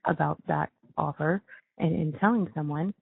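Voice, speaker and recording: A man talking casually on a prison phone call, emphatic and supportive, with a halting delivery. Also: a little high, vocal fry, breathy edge. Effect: prison phone line. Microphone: telephone. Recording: tinny narrow prison phone line.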